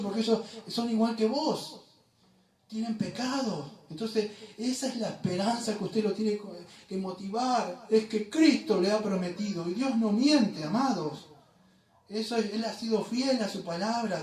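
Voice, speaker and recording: A man's voice: high voice, darkish tone. Guy preaching in a church, kinda far from the mic, lots of room echo, keeps asking the crowd questions. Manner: emphatic preaching with rhetorical questions. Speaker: pastor. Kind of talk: sermon. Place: church sanctuary.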